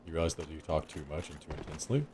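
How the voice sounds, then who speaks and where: A man's voice: a bass voice, very fast, noisy background. A man streaming a game live, chatting with his viewers in a rambling, joking way over game music. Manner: rambling, chatty with chat, jokey. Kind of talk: live gameplay commentary.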